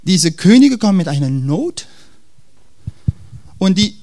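A man preaching a sermon and retelling a Bible story in an animated, humorous way. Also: sits high, slow.

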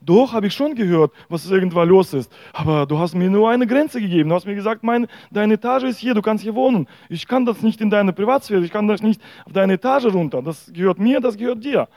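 A man voicing a calm, patient savior figure who gently explains himself. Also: high-pitched, a little fast, few pauses, dry recording.

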